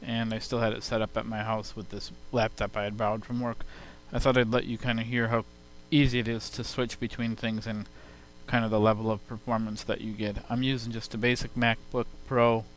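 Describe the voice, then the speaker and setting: A man's voice: lowish voice, level tone, fairly quick, hardly any pauses, low-quality recording. A man giving an informal, step-by-step spoken demo in an explanatory way. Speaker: software demonstrator. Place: recorded on a computer sound card. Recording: hissy home computer sound-card input.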